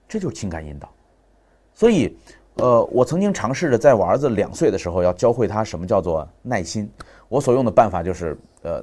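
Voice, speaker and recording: A man's voice: sits low, darkish tone. A man in his thirties giving a public talk on parenting, telling family stories and acting out the dialogue. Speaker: parenting speaker.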